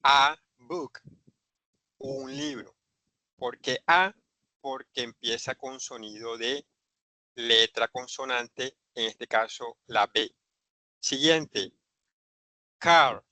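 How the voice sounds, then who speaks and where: A man's voice: mid-range voice, drawn-out words, pauses often, sharp tone, no room sound. A man teaching an English grammar lesson, patiently repeating and spelling out examples.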